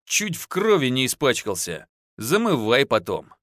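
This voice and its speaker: A man voicing a gruff, cold-blooded peasant man who speaks in curt mutters. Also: mid-range voice, sing-song, unhurried, a bit bright, no room sound, clean studio sound.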